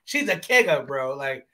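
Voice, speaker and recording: A man hosting a casual podcast, telling a profane story with lots of slang and mock voices. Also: mid-range voice. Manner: animated, profane, slips into mock voices and accents. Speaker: podcast host.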